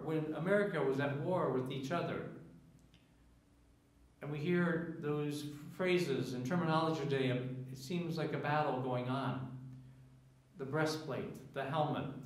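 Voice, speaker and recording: A man in his sixties, a priest, speaking solemnly as he leads scripture readings and preaching. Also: on the high side. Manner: solemn, measured delivery. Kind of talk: liturgical scripture reading and homily. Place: small church sanctuary, at a lectern. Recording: very echoey church, distant mic.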